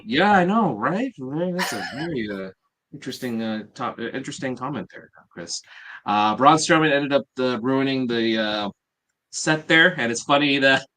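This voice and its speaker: A man's voice: mid-range voice, expressive, moderate pace, sharp tone. A man hosting a podcast, recapping events in a rambling, casual way full of "uh"s. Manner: rambling, filler-heavy, many "uh"s. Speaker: podcast host.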